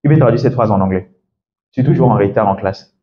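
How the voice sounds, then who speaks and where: A man's voice: fairly low pitch, quick pace, slight background noise. A man giving an English lesson to a live class, conversational and often checking in with the students. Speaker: English teacher. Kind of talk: classroom lecture. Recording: dull lo-fi sound.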